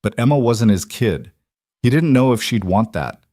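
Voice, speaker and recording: A man narrating a scripted story in a calm, even manner. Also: mid-range voice, normal speed, no room sound, studio quality.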